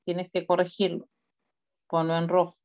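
A woman teacher with a voice on the low side and a darkish tone delivers her online class feedback completely flat, at a moderate pace. Over a dull lo-fi video call, she corrects student work directly and lays out step-by-step instructions.

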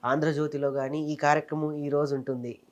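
A man in his thirties from Telangana, a comedian and mimicry artist, telling his career story in a casual interview with fast, animated delivery. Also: on the high side, dull audio. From Telangana, India.

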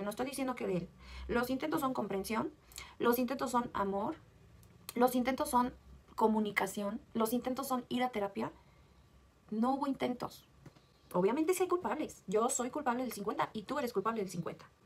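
A woman's voice: a little high, slightly rough. A Mexican woman vlogger, upset and agitated, talking bluntly and swearing while reacting to a song. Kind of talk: emotional video confession.

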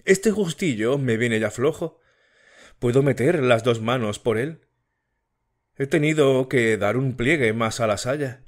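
A man's voice: mid-range voice, animated, measured pace, lightly acted. A man voicing a sickly, tearful young woman in an audiobook, pleading with her fiancé. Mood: anxious. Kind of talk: audiobook character reading.

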